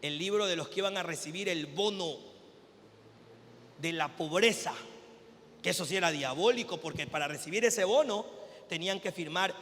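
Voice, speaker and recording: A man preaching a fervent sermon, switching between shouted proclamations and quiet, close asides. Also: moderate pace, pauses often, slight background noise. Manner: swings from shouted proclamation to low intimate asides. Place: church service hall. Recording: echoey church hall with long reverb.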